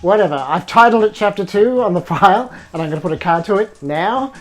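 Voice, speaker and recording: A man's voice: high-pitched, expressive, a little fast, faint music behind. A man casually chatting and reading game text aloud during a let's play. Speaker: game player.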